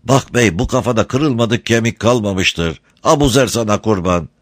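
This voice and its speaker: A man's voice: on the low side, moderate pace, no room sound, clean studio sound, voice pushed up, natural voice. A man voicing a humble, pleading wandering Bedouin shepherd in a read-aloud story. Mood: earnest. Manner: pleading, servile, repeats he is a sacrifice.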